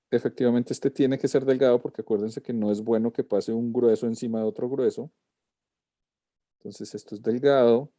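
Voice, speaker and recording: Over a video call, a lettering teacher critiques a student's work, going through the corrections step by step. He has a dark, mid-range voice, and the recording is dry and studio quality.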